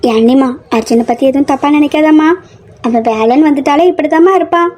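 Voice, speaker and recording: A kindly middle-aged aunt, played by a woman, reassures her young relative in a homemade audio drama. She talks quickly and fluently. Her voice sits high. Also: a little hiss or hum, natural voice. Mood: reassuring. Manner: reassuring, gentle pleading.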